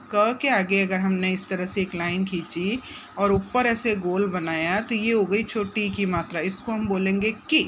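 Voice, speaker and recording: A woman teaching a phonics lesson to young children, gently repeating and drawing out syllables and asking the class questions. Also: mid-range voice, a little hiss or hum. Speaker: primary school teacher.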